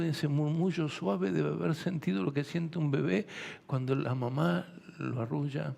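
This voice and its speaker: A man with a Rioplatense accent, a pastor preaching a sermon, moving from soft gentle speech to loud fervent preaching. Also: fairly high pitch, gravelly. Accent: Rioplatense Spanish. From Argentina. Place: church hall. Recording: long hall reverb.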